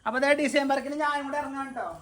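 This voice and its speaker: A woman's voice: high voice, fairly even intonation, rapid-fire. A woman, chatting casually in a family vlog while directing helpers outdoors. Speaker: vlogger. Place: outdoor home yard.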